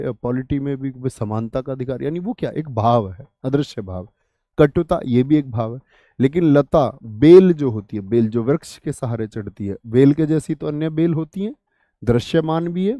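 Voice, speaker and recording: A man's voice: medium pitch, mellow, no echo, studio quality. A man teaching a Hindi grammar lesson for exam prep, asking questions and answering them himself, calling his students brother and friend. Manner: addresses students familiarly, 'bhai sahab', 'dost'.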